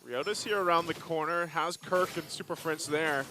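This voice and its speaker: A man's voice: on the high side, moderate pace, background noise. A man giving live esports color commentary, talking through the game in loose, rambling analysis on a headset mic. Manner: relaxed, rambling analysis with fillers.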